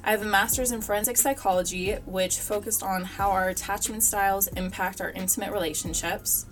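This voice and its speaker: A woman's voice: medium pitch, steady tone, brisk. A woman in her twenties from Central Florida giving a friendly, chatty self-introduction. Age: 20s. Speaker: podcast contributor. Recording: distant mic with faint music.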